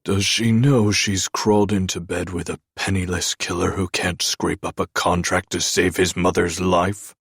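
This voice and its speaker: A greedy, cowardly doctor who sneers down at everyone, as a man puts him on in an audiobook. His voice is raised above the narrator's, husky and dry. Condescending in every word. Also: low-pitched, level tone, moderate pace, hardly any pauses, a bit bright, no room sound, pitched above the performer's own voice, full character voice. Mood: sneering.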